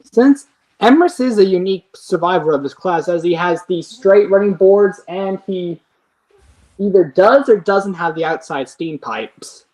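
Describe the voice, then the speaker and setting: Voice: mid-range voice, expressive, a little slow, darkish tone, low-quality recording. A streamer hosting a livestream, chatting casually and rambling enthusiastically with a guest. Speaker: streamer, host. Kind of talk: casual chat.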